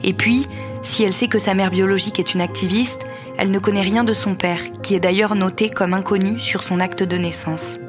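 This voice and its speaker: A woman doing scripted narration for a news podcast, measured and even. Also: mid-range voice. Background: music.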